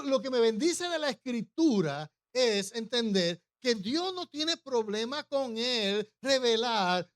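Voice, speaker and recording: A man's voice: very high voice, bright, forceful tone, no room sound, clean studio sound. A male pastor preaching a humorous sermon, often putting questions to the congregation.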